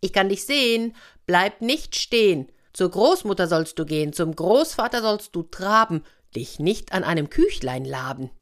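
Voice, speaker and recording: A woman voicing a clever, plucky little peasant girl in a storybook reading, bright and insistent. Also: fairly low pitch, lively intonation, normal speed, few pauses, close to an everyday voice. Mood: sing-song.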